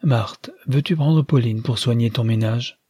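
A man's voice: mid-range voice, measured pace, warm tone, husky, no echo. A man doing a fretful helpless old father. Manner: plaintive, fussing.

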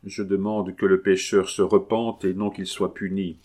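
A man voicing a calm, stern male priest who speaks firmly and solemnly. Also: low-pitched, moderate pace.

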